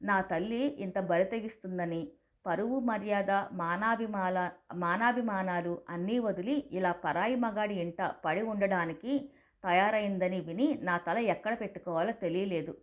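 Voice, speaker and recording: A grown son boils over with rage, his speech loud, harsh and full of scorn, as a woman storyteller puts him on. The sound is a touch dull and lo-fi. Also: mid-range voice, moderate pace, lightly acted. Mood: furious, scornful. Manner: shouting, accusing.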